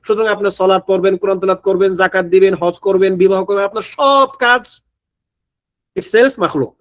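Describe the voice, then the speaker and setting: A man's voice: high voice, steady tone, brisk. A man teaching an Islamic studies class, reading Arabic text aloud and then explaining it step by step in a conversational way. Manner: conversational, checks in with listeners.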